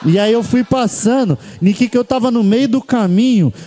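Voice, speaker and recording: A man's voice: very high voice, moderate pace, a little hiss or hum. A Brazilian man telling a long story on stage in stand-up comedy, acting out every character. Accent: Brazilian Portuguese. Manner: animated, acts out every character. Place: comedy stage before a live audience.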